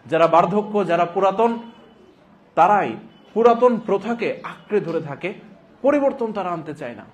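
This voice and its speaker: A man giving a classroom lecture as a teacher, repeating phrases deliberately for dictation and prompting students with emphatic questions. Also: sits high, animated, lo-fi sound. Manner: repeats phrases slowly and deliberately for note-taking.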